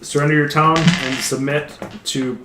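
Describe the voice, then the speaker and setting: A man's voice: on the high side, steady tone, a little slow, background noise, close to an everyday voice. A man voicing a hostile male goblin war leader who talks in clipped, broken phrases, recorded in a roomy room. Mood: threatening.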